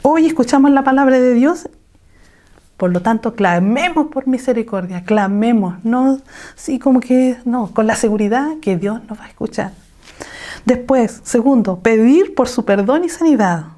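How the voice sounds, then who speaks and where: Woman teaching a warm Bible lesson. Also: a little high, expressive, moderate pace. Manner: exhortative, asks the listeners rhetorical questions. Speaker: women's Bible study teacher. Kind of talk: online women's Bible lesson. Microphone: video call.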